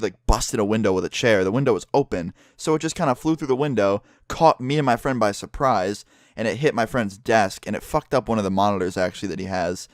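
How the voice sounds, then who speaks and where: A man's voice: mid-range voice, no room sound, studio quality. A man telling a story in a casual, rambling way, swearing freely as a vlogger. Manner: profane, rambling, animated.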